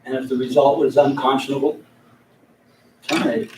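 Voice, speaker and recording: A man's voice: mid-range voice, level tone, a little fast, noisy background. A man giving an informal mediation training lecture to a group in a room, telling anecdotes and chuckling between his points. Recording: echoey room, mic far off.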